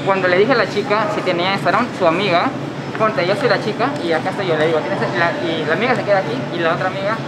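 A young man rattles off his story at a fast clip, acting out both sides of each exchange. He is recorded on a handheld phone as he walks through a shopping mall. Loud mall noise sits behind his voice the whole time. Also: high-pitched. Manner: fast, animated retelling with quoted lines. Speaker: vlogger. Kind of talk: casual storytelling. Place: indoor shopping mall and supermarket.

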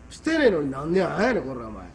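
A man with a Kansai Japanese accent in a heated argument, speaking in a rough, menacing, confrontational yakuza-like drawl. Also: a little high, wildly swooping pitch, rapid-fire, a little hiss or hum.

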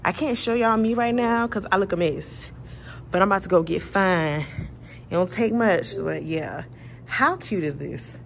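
Holding her phone at arm's length, a bubbly, chatty vlogger in her thirties from Atlanta in the United States talks casually to her viewers in an office turned party venue. Her gravelly voice is mid-range and moderately paced, with a little hiss or hum in the recording.

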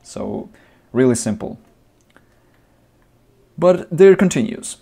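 A man's voice: fairly high pitch, animated, takes it slowly, creaky, mellow, breathy edge. A young man, not a native English speaker, ranting in a casual gaming vlog with lots of restarts and fillers, recorded on a webcam in a small room. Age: young adult. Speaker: gaming vlogger. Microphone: webcam at desk, close framing.

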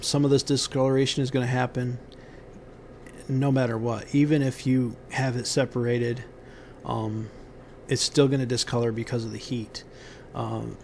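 A man giving unscripted how-to instructions on a building site outdoors, pausing often with ums and restarting his sentences. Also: mid-range voice, darkish tone, slight background noise. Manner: halting, many ums and restarts.

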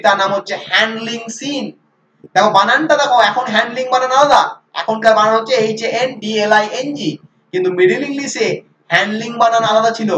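Woman teacher, patient drilling lecture style with questions and repeats; echoey room, distant mic. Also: fairly high pitch. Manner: asks questions then answers them, repeats key points. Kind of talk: lecture explaining literary history. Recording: roomy echo, mic at a distance.

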